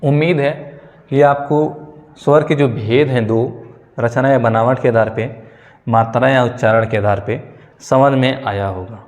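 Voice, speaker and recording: A man giving an exam-prep grammar lesson, explaining slowly and going over key points more than once. His pitch sits in the middle range for a man, and a long reverb trails his words around the room. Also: steady tone. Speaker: teacher.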